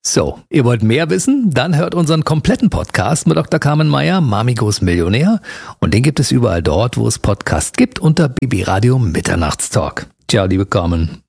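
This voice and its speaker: Gravelly, husky radio host with a lively voice. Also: male voice, mid-range voice, moderate pace, dry recording, studio quality. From East Germany. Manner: friendly, giggly, eager interviewer. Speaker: radio talk show host. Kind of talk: radio interview. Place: radio studio. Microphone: studio microphone.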